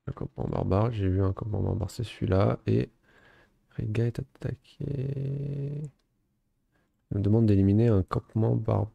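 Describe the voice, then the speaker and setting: A man's voice: fairly low pitch, little pitch movement, fast, gravelly, few pauses, no room sound, lo-fi sound. A man casually commenting on a strategy game as he plays, thinking aloud with many fillers. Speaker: gaming video host. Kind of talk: casual let's play commentary.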